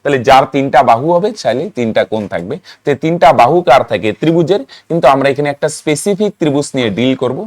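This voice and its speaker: A man's voice: medium pitch, expressive, quick pace, hardly any pauses, darkish tone, no room sound, clean studio sound. A man teaching a math lesson, asking students questions, answering them himself and chanting terms to help memory. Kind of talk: classroom-style lesson to students.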